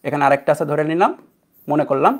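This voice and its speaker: A man's voice: on the high side, lively intonation, quick pace. A young man from Bangladesh teaching an online physics class, talking casually and checking in with his students. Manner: conversational, checks in with students often.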